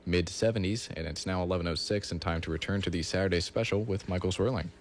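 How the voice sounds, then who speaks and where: A male station announcer with a deep voice delivers a scripted time and weather check. His delivery is rapid, built for live radio.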